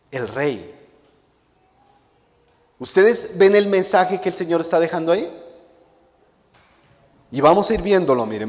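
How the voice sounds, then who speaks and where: A man's voice: a little high, darkish tone. A male pastor preaching a sermon to his congregation, emphatic and full of rhetorical questions, often repeating a key word for weight. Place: church hall. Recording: long hall reverb.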